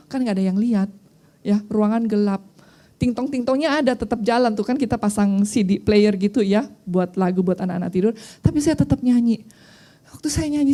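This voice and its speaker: A woman's voice: mid-range voice, dark tone. A middle-aged woman pastor preaching a sermon in a conversational, storytelling way, mixing in English phrases.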